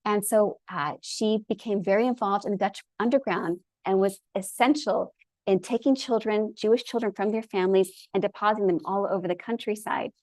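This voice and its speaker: An earnest woman presents a storytelling lecture in a voice of middling pitch. She speaks with open enthusiasm, and her recording sounds close and dry, with no room echo. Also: normal speed, darkish tone.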